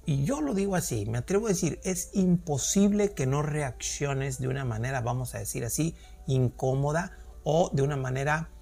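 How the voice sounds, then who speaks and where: A man's voice: on the high side, vocal fry, husky. Earnest man, solo podcast talk. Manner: earnest, explanatory, asks rhetorical questions. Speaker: podcast host.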